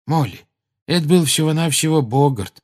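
A man voicing a calm middle-aged wizard who speaks quietly and soothingly, in an audiobook. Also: fairly high pitch, normal speed, voice pushed up, natural voice.

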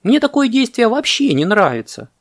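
A man voicing a greedy, cheeky female monkey in a children's story, with a squeaky, stubborn delivery. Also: sing-song, unhurried, heavily acted. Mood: defiant.

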